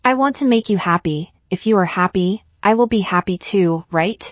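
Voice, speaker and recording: A scheming young woman who speaks in a clear, sweet voice, as a woman narrator puts her on. She belongs to a read-aloud storybook drama. The sound is dull and dry. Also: mid-range voice, moderate pace, no echo, close to an everyday voice. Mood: sweetly calculating.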